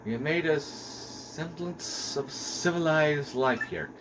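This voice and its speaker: A man's voice: a little high, slow pace, noisy background. A man voicing a pompous, grandiose male aristocrat with theatrical, self-important delivery while reading game dialogue aloud. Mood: melodramatic.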